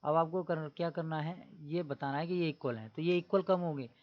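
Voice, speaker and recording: Here a maths teacher lectures a class at a fairly quick clip, his slightly high voice holding a steady tone over dull audio. He breaks the material down step by step, putting questions to the students as he goes, and habitually adds "theek hai na."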